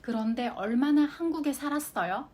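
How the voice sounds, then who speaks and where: A woman hosts a language lesson with a fairly high voice and a quick overall pace. She reads example sentences slowly and carefully, then repeats them. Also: darkish tone. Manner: slow, careful repetition of example phrases. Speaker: Korean language teacher.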